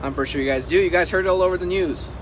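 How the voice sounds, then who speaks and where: Speaking at a racing clip in a high-pitched voice, this man makes vlog videos about trucking and drives a truck himself. He addresses the camera casually but insists emphatically on his points, going over them again, while vehicle and outdoor noise fill the background.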